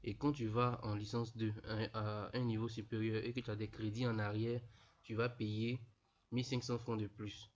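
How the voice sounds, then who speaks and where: A young man stuffed up from a cold explains an online registration to students step by step in a casual tutorial. His lowish voice stays level at a moderate pace as he addresses them informally, repeats himself frequently and peppers it with "voilà," recorded as a dull lo-fi voice-over.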